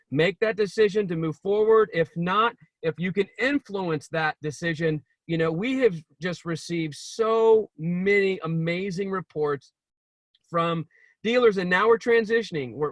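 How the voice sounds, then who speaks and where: A man's voice: sits high, a bit bright, no echo. A man hosting a talk, speaking in an earnest, exhorting way and repeating words for emphasis. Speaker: talk show host. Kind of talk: motivational talk to business peers.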